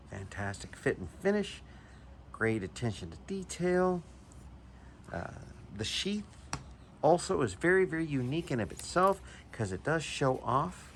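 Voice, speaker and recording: A man's voice: mid-range voice, a bit bright, a little hiss or hum. A man and knife collector giving a chatty, enthusiastic show-and-tell review, with chuckles and hesitant restarts.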